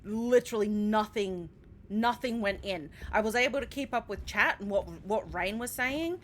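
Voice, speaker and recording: A young Australian woman commentating live as she plays a video game, animated, swearing and laughing often. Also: mid-range voice, normal speed, a little hiss or hum. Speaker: streamer.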